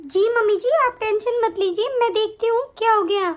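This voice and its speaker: A woman voicing a calm, caring elder daughter-in-law in an animated story. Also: extremely high pitch, normal speed. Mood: reassuring. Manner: soothing, reassuring.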